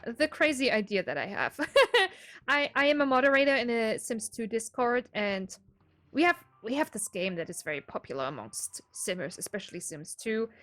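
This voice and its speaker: She sounds a little high and fairly bright: a German-accented gaming video creator in her twenties. Chatting casually about her game setup, she jokes at her own expense and laughs frequently.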